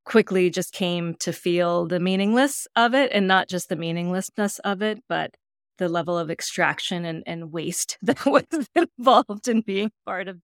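Lower-pitched american woman hosting a podcast, bit of vocal fry, dry close mic. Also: moderate pace, dry recording. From United States. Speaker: podcast host. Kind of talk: podcast interview.

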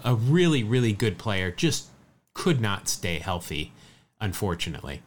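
A man with a lowish voice, speaking at normal speed, co-hosts a casual sports podcast. He's lively and chatty, rattling off statistics in a light way.

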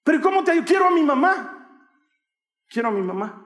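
A man's voice: fairly even intonation, racing, natural voice. Man acting out a panicked little boy pleading. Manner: high pleading shouts. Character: frightened 8-year-old boy begging. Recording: echoey room.

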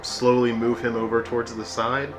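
A man's voice: medium pitch, flat delivery, moderate pace, music in the background. A man chatting casually as a player in a tabletop role-playing game.

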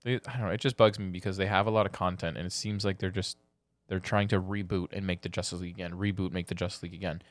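Male podcast co-host, deep-ish voice, laid-back rambling delivery, dry recording. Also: steady tone, no room sound. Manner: laid-back, drawn-out, lots of "like" fillers. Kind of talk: casual chat.

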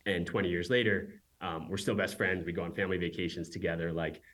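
A man in his forties, a company founder, talking casually as a guest and telling quick stories with many asides. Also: low voice, fairly even intonation, fairly bright tone. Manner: quick, chatty storyteller with many "right?" asides. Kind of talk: casual interview talk.

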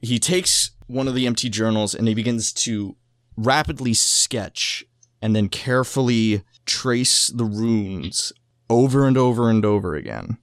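A man's voice: mid-range voice, unhurried, dry recording. Man narrating his game character, dry sound. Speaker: tabletop role-playing player. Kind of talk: descriptive improvised storytelling.

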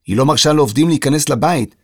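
A man's voice: a little high, darkish tone, no room sound, studio quality, voice pushed up, natural voice. A man voicing a polite, earnest young boy composer in a children's audio story. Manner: polite, earnest, slightly prim.

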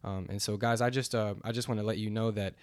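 A man's voice: on the low side, steady tone, quick pace, clean tone, dry recording. A young man sharing a faith testimony in casual chat, earnest and rambling, with many fillers and restarts.

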